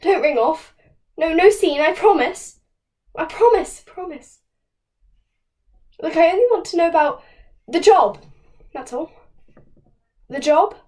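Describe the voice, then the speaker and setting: A woman playing an anxious, fragile woman who pleads haltingly down a telephone. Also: sits high, darkish tone. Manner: halting, pleading phone talk. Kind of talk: stage monologue, one side of a phone call.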